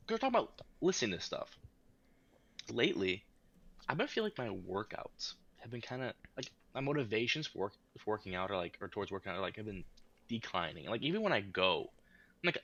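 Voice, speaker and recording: A man's voice: lowish voice, sing-song, fast, a bit bright, muffled recording. A young man co-hosting a podcast in casual chat, tossing in jokey quips. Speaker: podcast co-host.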